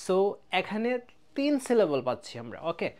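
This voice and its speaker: A man teaching an English grammar lesson in a casual video, explaining step by step, checking that students follow, and drawing out example words slowly. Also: high-pitched, big pitch swings. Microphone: close mic, writing on a board.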